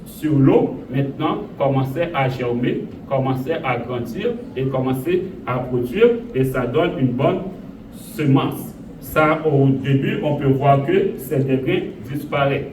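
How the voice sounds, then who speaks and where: A man from Haiti preaching a sermon as pastor, speaking slowly and repeating phrases for emphasis, with sudden emphatic rises. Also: medium pitch. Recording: echoey room, voice from a distance, audible noise.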